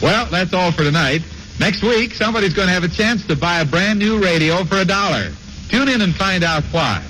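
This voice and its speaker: A jovial, teasing middle-aged man hosting a radio game show, giving quick stage directions, heard from an old broadcast transcription disc. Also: high voice, expressive. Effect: played from an old broadcast transcription disc. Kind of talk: playful radio show banter before a live audience. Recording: loud surface noise of an old transcription disc.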